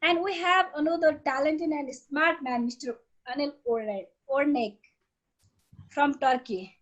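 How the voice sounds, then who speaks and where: A woman from Nepal moderating a panel on a video call, reading speaker introductions haltingly with fillers. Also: high-pitched, highs cut off. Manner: reads bios haltingly, with fillers.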